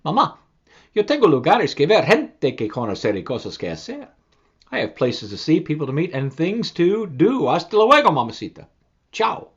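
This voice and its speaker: A man's voice: sits high, wildly swooping pitch, moderate pace, fairly bright tone, husky, lo-fi sound, voice pushed up, exaggerated voice. A man voicing a boastful little one-legged male chick who squawks and brags, with Spanish words mixed in. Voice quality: squawking, bossy.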